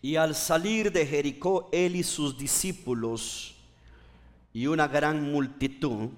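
A man's voice: a little high, slow pace, big-room sound. A male pastor preaching a fervent sermon, repeating phrases and urging the congregation to respond. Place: church.

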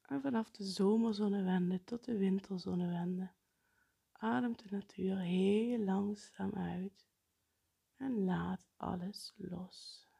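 A woman guiding a breathing meditation in a soft, partly whispered, unhurried way. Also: medium pitch, gravelly, slightly rough. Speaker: meditation guide.

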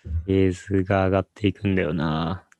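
Deep, gravelly-voiced man, laid-back. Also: flat delivery, fast, a little mellow, lo-fi sound. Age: 30s. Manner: laid-back, brief agreeing replies. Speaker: podcast co-host. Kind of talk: casual chat. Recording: faint guitar music underneath.

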